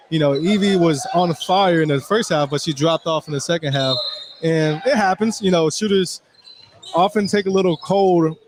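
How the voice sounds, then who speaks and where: Rambling courtside commentator man, noisy gym. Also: on the high side. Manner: loose, rambling, many "you know" fillers. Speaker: color commentator. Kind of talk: local sports radio commentary.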